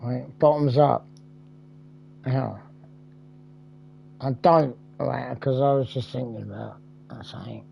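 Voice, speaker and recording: A man's voice: medium pitch, steady tone, a little slow, creaky, pauses often, lo-fi sound, slight background noise. A man giving casual, rambling gameplay commentary with crude jokes and heavy swearing. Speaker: gamer.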